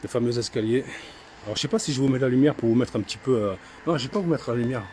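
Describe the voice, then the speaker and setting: A middle-aged man filming his own paranormal investigation inside an old house on a handheld camera, talking in a halting way with many restarts. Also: mid-range voice, darkish tone, a little hiss or hum. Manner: hesitant, repeats himself often. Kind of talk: casual vlog narration.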